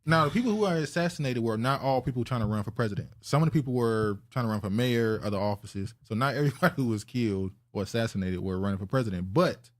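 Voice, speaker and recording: A man's voice: mid-range voice, expressive, quick pace, hardly any pauses. A man co-hosting a podcast in casual chat, explaining and rephrasing his points as he goes. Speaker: podcast co-host.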